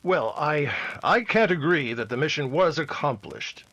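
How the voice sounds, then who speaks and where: A man's voice: a little high, lively intonation, unhurried, fairly bright tone, rough recording. A man playing an earnest, dogged and respectful Mountie sergeant in an old-time radio adventure. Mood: modest, resolute.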